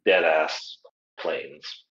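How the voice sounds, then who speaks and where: A man's voice: very deep voice, drawn-out words, a bit bright. A man narrating as game master, hesitant and full of ums and restarts. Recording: dull lo-fi audio.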